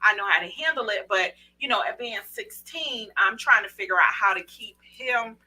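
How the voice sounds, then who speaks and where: A woman's voice: mid-range voice, normal speed, bright, forceful tone. A middle-aged woman hosting a podcast, speaking in a heartfelt, emotional way in casual chat. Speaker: podcast host. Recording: voice a bit distant from mic.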